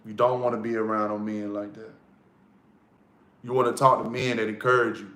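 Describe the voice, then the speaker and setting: A man's voice: on the low side, flat delivery, fairly quick, a bit bright. A man giving a casual motivational monologue, blunt and profane, repeating key lines for emphasis. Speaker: motivational vlogger. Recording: echoey room.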